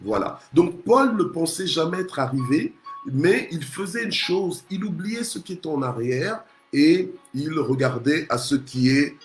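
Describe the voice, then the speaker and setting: Faint music plays behind a pastor from Congo as he delivers a morning sermon in an echoey church, his slightly high voice animated and a little slow. Alleluia and amen mark almost every phrase, and he keeps restarting and repeating words while looking for the right wording.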